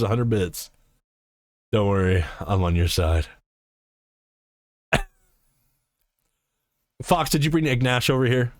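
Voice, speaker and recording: Low lively male streamer, dry sound. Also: dry recording. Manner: reads and answers chat, rambling and swearing. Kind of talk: casual live-stream chat.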